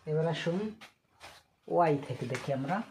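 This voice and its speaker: A man's voice: a little high, measured pace, a little mellow, a little hiss or hum. A man with a Bengali accent teaching English, saying each sentence word by word, then repeating and translating it. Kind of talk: slow dictation-style language lesson.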